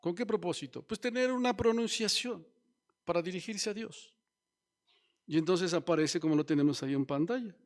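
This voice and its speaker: A man's voice: high voice, normal speed. A man preaching a sermon as pastor, teaching and asking the congregation questions. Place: church.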